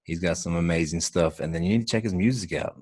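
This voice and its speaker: A man with a very deep voice hosts a podcast. He keeps things laid-back and casual, dropping slang as he asks his questions. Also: fast, a little mellow, breathy edge. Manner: laid-back, with slang like "bro" and "heck yeah". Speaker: podcast host. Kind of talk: casual interview.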